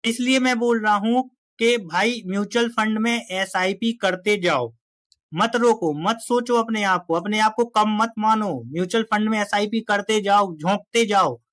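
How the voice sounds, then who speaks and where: A man's voice: sits high, unhurried, a bit bright, dry recording. A man speaking directly to viewers about investing in a casual, emphatic, exhorting way. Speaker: finance YouTuber. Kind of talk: direct-to-camera finance talk.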